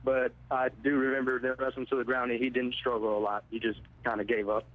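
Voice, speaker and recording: Casting note: young male caller, mid-pitch, halting speech, tinny phone-line sound. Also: level tone. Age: 20s. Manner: hesitant, halting recollection. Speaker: student eyewitness on the phone.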